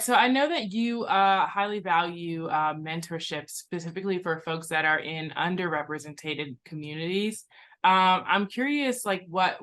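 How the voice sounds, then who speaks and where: A woman's voice: fairly low pitch, a bit bright. A woman hosting an interview, asking thoughtful questions in an encouraging way. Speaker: interviewer, host. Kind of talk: casual interview conversation.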